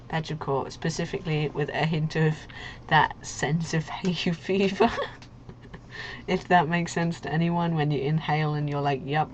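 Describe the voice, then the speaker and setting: This young woman, an artist streaming live, talks casually with goofy giggles and plenty of slang in a voice that sits low. There's slight background noise, and the muffled lo-fi audio carries music behind her.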